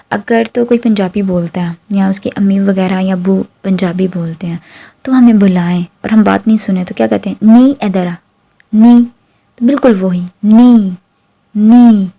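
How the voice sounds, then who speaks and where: A woman teaching Quran recitation rules, patiently repeating each syllable slowly for listeners to practice. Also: on the high side, warm tone. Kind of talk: slow tajweed lesson with drawn-out recitation.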